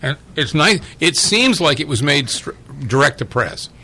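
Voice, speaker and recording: Man, wine co-host, bright tense voice, slightly high, faint ambience. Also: sing-song, normal speed. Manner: effusive, descriptive wine tasting talk. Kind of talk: casual radio chat.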